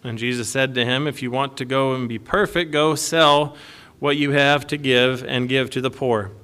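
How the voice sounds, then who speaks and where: A man's voice: medium pitch, sharp tone, smooth. A man giving a conversational, folksy sermon, reading scripture aloud and chuckling between points. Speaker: preacher.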